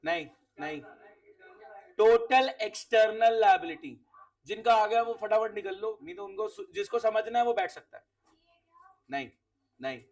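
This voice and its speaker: Strict teacher quizzing a class. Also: male voice, high-pitched, creaky, far from the mic. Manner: strict, quizzing students, repeats words. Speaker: accounts teacher.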